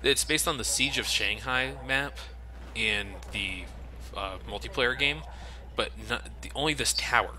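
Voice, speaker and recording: Speaking at a measured pace in a mid-range voice, this man provides casual commentary on a video game as a let's play commentator, full of sarcastic humor and liberal swearing.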